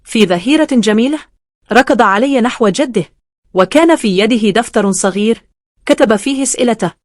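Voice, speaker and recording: A woman narrating a children's story in a steady, gentle way. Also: a little high, a little fast, dry recording, clean studio sound.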